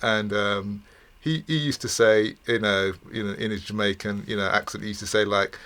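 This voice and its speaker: A middle-aged man, a podcast guest telling his story in a studio with many pauses, fillers and repeated words. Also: fairly low pitch, steady tone, bright, forceful tone. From England. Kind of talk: casual interview storytelling.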